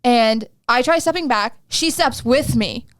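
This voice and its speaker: A woman in her twenties, a podcast co-host, telling a story in casual chat, rambling and animated with lots of "like". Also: a little high, unhurried, dry recording. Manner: animated, rambling, heavy use of "like".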